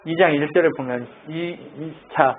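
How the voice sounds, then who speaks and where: A male pastor preaching a lively, conversational sermon and firing questions at his congregation. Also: fairly high pitch, moderate pace. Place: church sanctuary. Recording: tinny phone-like church recording with faint noise.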